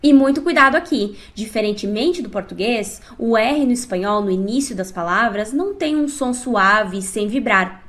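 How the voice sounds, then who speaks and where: A woman teaching a scripted online language lesson, explaining clearly and speaking directly to the learner. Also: on the high side, a bit bright. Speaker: Spanish teacher.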